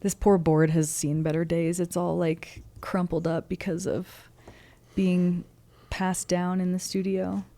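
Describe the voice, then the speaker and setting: A woman's voice: fairly low pitch, level tone, measured pace, mellow. A young woman hosting a casual podcast interview, bubbly and giggly, with plenty of "um"s. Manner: bubbly and giggly, with frequent fillers. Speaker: podcast host.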